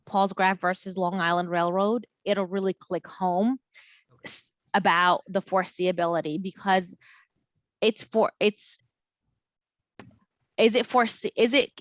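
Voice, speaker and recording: A woman professor lecturing a college class over a video call, chatty and lively, often repeating words. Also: medium pitch, measured pace, long pauses, no room sound.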